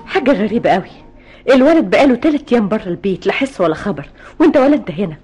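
A woman's voice: mid-range voice, very animated, racing, darkish tone, husky, highs cut off, soft background music. An actress with an Egyptian accent playing a frightened mother pleading for her missing son in a radio drama. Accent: Egyptian Arabic. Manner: pleading, emotional.

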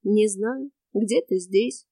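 A weary male spirit stranger in the afterworld, voiced by a woman, speaking in a quiet, cracked voice. He talks slowly and flatly, sounding indifferent, with a mellow tone. The storybook recording is dry and close. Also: medium pitch, no room sound, lightly acted. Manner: flat, indifferent, slow.

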